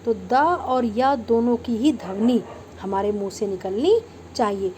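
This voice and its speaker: A woman's voice: fairly high pitch, warm tone, a little hiss or hum. Indian woman teacher spelling out syllables. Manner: patient, drawn-out syllable-by-syllable pronunciation; addresses pupils as "beta". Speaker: Sanskrit teacher. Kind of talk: online class lecture.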